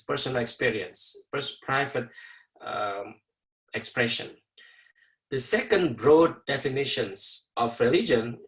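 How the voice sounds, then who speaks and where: A man teaching a university class over a video call, explaining slowly with many fillers and pauses. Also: medium pitch, fairly bright tone, rough recording. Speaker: university professor. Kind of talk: online lecture with class introductions.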